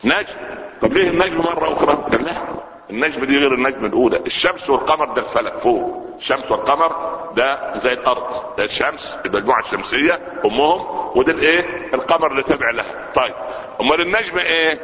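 A man's voice: medium pitch, fast. A man in his sixties with an Egyptian Arabic accent, preaching a colloquial sermon and throwing rhetorical questions at his listeners. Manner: animated, asks the audience rhetorical questions. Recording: echoey hall, dull lo-fi sound.

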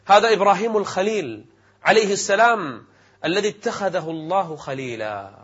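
A man with a fairly high, husky voice delivers a religious sermon in formal standard Arabic. His delivery is emphatic and rhetorical, with classical diction. The recording sounds dull and a little muffled. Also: lively intonation, a little fast, a bit bright. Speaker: Islamic preacher presenting a religious programme.

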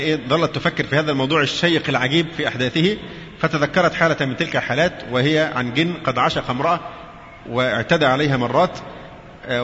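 A man's voice: on the high side, fairly bright tone. A man giving a religious lecture, mixing formal and colloquial Arabic and putting questions to his listeners. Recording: dull reverberant hall recording with faint noise.

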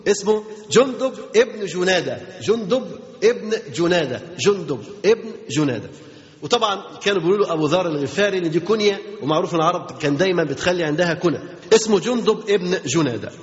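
An Egyptian-accented man teaches religion at a quick clip in a fairly high voice. He keeps asking his listeners questions and repeating phrases for emphasis. The recording is dull and lo-fi, with a long hall reverb. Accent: Egyptian Arabic. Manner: asks the audience rhetorical questions and repeats key phrases. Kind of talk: Islamic religious lesson.

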